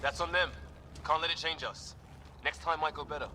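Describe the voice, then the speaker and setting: A man's voice: a little high, fairly even intonation, a little fast, pushed and bright, slight background noise. An actor playing a wry, plain-spoken, loyal male ex-cop soldier in a video game, talking informally. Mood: resigned, reassuring.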